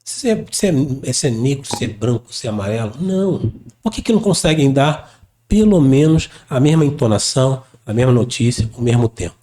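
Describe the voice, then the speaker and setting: A man with a Brazilian accent, a podcast guest talking in an animated, insistent way. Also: medium pitch, a little fast. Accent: Brazilian Portuguese. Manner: animated and insistent, mimics others while telling stories. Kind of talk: casual conversation.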